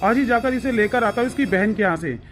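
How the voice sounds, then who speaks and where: Cartoon role: a woman doing a young husband, fairly high voiced, grumbling and easily swayed. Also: lively intonation, quick pace, faint music behind, natural voice. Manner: irritated, complaining. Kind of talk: cartoon voice acting.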